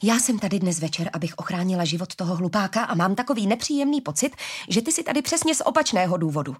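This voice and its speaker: A woman's voice: medium pitch, lively intonation, close to an everyday voice. Woman doing a tense, wary young heroine. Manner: clipped, through gritted teeth.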